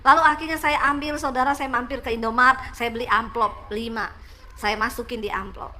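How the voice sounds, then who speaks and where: A woman pastor preaching a sermon, telling a story and acting out its dialogue, swinging from loud to hushed. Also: fairly high pitch, fairly even intonation, brisk, slight background noise.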